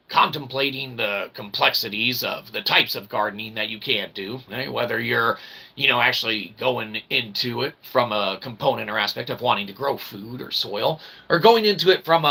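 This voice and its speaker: Against a noisy background, a man with a gravelly, medium-pitched voice hosts an online philosophy show. He meanders through a tongue-in-cheek lecture in verbose faux-scholarly wording, often pausing for small "all right, okay" check-ins.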